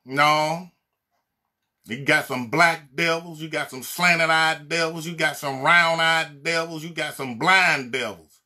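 A man's voice: a little high, steady tone, a little slow, pushed and bright. A man from Mississippi with a Southern accent, preaching a fiery, blunt sermon and hammering his points home with repeated refrains. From Mississippi, USA. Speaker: evangelist minister. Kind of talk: impassioned social media sermon.

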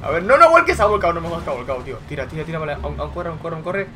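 A young man giving excitable, swearing live commentary over his own gameplay, yelling when he scores. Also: on the high side, rapid-fire, a crowd in the background. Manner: excitable, swearing, shouting at kills. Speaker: gaming YouTuber. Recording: music in background.

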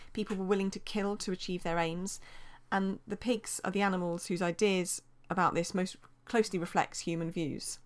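A woman gives a revision lesson in a steady, explanatory voice-over. Her pitch sits in the middle range for a woman, and she reads quotations aloud between her points. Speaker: teacher.

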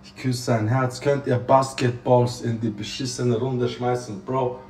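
Medium in pitch with little rise and fall, his voice moves at a measured pace and has a slightly mellow tone. The young man is casually chatting on a livestream, full of exclamatory slang and English interjections. He's recorded indoors in a small living room with a kitchen by a phone propped a step away, giving roomy, far-off audio.

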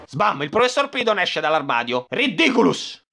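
A man's voice: sits high, lively intonation, fairly quick. A man doing a sarcastic comedic recap of a film as a voice-over, jumping between narration and mocking voices. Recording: loud music bed behind voice.

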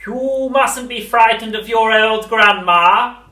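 A reader voicing a nasty, witchlike old grandmother in a storybook reading, slow and loud with drawn-out gloating words, recorded in a roomy space away from the mic. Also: mid-range voice, recorded from a distance, pitched above the performer's own voice. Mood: coaxing.

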